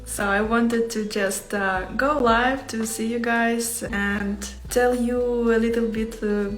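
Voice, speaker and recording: Talking about her craft to livestream viewers, a Ukrainian woman with a Ukrainian accent speaks casually but hesitantly, often searching for words, from her small home workspace. Her voice sits on the high side, steady and slow, and the sound is roomy with soft background music.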